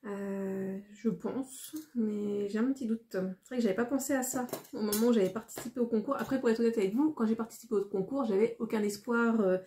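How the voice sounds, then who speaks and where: A woman from France vlogging casually as she unboxes a parcel, talking in a hesitant, rambling way with frequent pauses. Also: a little high, dark tone.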